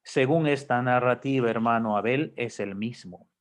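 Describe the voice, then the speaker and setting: A man preaching a Bible class, moving from soft talk to loud, impassioned quoted lines. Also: mid-range voice, normal speed. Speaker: pastor teaching a Bible class.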